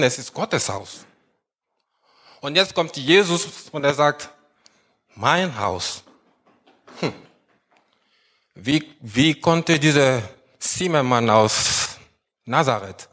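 A male pastor preaching a sermon at a very unhurried pace, voice sitting mid-range. He leans on key words and repeats phrases for emphasis, letting pauses hang. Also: mid-range voice, a bit bright. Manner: slow, emphatic preaching with many repetitions.

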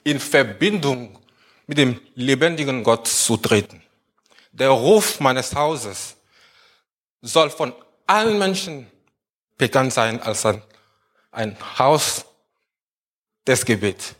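A male pastor preaching a sermon at a very unhurried pace, voice sitting mid-range. He leans on key words and repeats phrases for emphasis, letting pauses hang. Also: mid-range voice, lively intonation, fairly bright tone. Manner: slow, emphatic preaching with many repetitions.

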